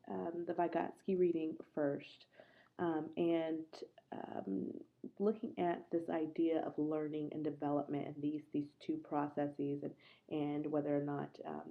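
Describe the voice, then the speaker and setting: A woman lectures a class in a low, gravelly voice. It comes through a tinny laptop mic and sounds hollow and muffled, as if from the bottom of a well. She is conversational and earnest and keeps asking her students questions. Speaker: instructor. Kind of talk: recorded online lecture. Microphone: laptop microphone.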